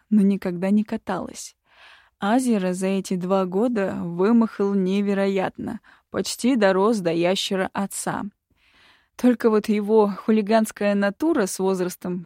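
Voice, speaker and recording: A woman narrating a first-person fantasy audiobook in a calm, even storytelling manner. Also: medium pitch, no echo, studio quality.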